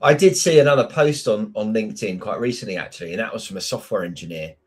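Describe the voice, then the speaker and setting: A man's voice: on the low side, fast talker, husky. A man hosting an interview, asking questions and sharing anecdotes in a chatty, conversational way. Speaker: host.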